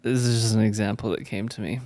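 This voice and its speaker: While co-hosting a relaxed spiritual chat, a man tells a story, laughing and breaking into sudden loud, high exclamations. He talks fast with a steady tone.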